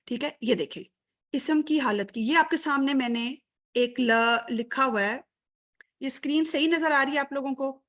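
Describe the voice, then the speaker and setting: A woman's voice: high voice, fairly bright tone. A woman teaching an online grammar class, patient, often checking if students follow, mixing English terms into her speech.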